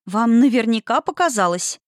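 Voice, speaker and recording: A woman reading the part of a gentle, sweet-talking young woman who soothes others, in an audiobook. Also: fairly high pitch, lively intonation, moderate pace, no echo, studio quality, voice pushed up, lightly acted.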